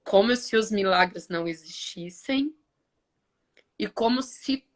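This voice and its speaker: Slow, emotional Brazilian woman in her forties. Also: mid-range voice. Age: 40s. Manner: emotional, animated retelling with quoted dialogue. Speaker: guest. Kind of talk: personal storytelling.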